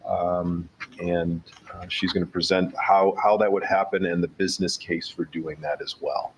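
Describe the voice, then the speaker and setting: Deep, even-toned man over background noise. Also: normal speed, muffled recording. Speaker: city official. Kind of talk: informal meeting briefing. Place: council meeting room.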